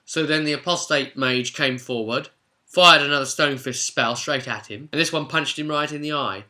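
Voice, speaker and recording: A man with a British accent hosts a casual spoken recap of a tabletop role-play session he ran as game master. Like a chatty, animated storyteller, he talks at normal speed in a voice on the high side.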